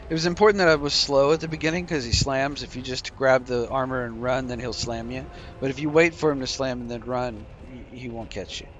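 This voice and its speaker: A tired man streams a game on a desk microphone, casually talking through each move in a relaxed way and yawning as he goes. His medium-pitched voice is brisk with hardly any pauses, and there's slight background noise.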